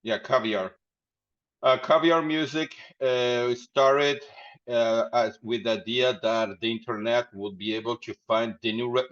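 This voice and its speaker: A company founder, appearing as a podcast guest, tells his story in a casual interview, rambling and laughing often. His mid-range voice is fairly bright, and the recording has a dull lo-fi sound.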